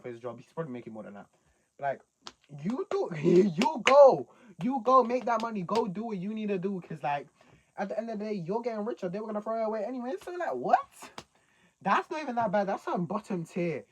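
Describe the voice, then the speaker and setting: Medium in pitch, this young British video host keeps things casual, meeting people's confessions with incredulous, slangy rhetorical questions.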